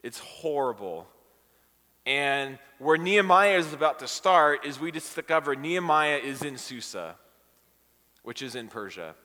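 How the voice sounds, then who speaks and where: A man's voice: medium pitch, bright, forceful tone. A man preaching a casual, conversational sermon to a congregation and asking them questions as he goes. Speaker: pastor. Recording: long hall reverb.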